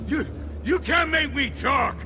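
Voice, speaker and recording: A man's voice: extremely high pitch, a little slow, background noise. An actor playing a tough-talking, strained mob henchman under interrogation in a video game. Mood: defiant.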